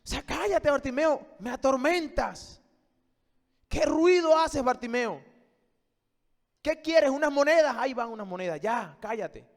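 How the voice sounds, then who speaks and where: A man's voice: very high-pitched, expressive, a little slow, pauses often, heavily acted. A male pastor voicing an impatient crowd that scolds and dismisses a blind beggar. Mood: scolding. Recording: long church reverb.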